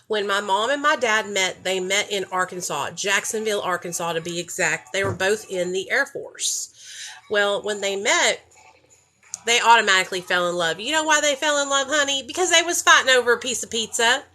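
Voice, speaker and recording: A young woman from the rural United States candidly shares her recovery story with a group, speaking to them directly. Her voice is medium-pitched and sharp in tone, at a moderate pace.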